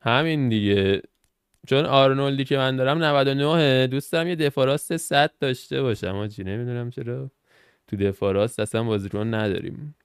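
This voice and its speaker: A man's voice: mid-range voice, clear, resonant tone, no echo, clean studio sound. A young man from Iran hosting a gaming channel, chatting casually and thinking aloud as he reacts to the cards he opens. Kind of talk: casual gameplay commentary.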